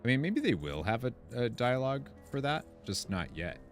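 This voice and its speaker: In casual game commentary, a gaming content creator reads out quest text and talks through his thoughts. His medium-pitched voice has big pitch swings at normal speed, and faint game music and sounds run behind him.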